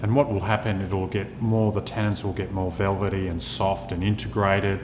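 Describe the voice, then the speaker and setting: A man presenting his wine as its maker, giving unscripted sommelier-style tasting notes with halting pauses. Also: little pitch movement. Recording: echoey room, clear rumbling background noise.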